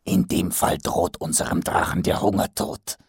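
A man voicing a male assassin who talks slowly and grumbles in a low, half-whispered mutter. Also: level tone, breathy edge, no room sound, clean studio sound. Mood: grumbling.

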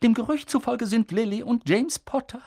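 A man voicing a stern, sharp-tongued elderly female witch professor in an audiobook reading, pushing his voice up high and insistent. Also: normal speed. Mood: agitated. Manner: insistent, agitated, high strained voice. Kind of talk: audiobook character voice.

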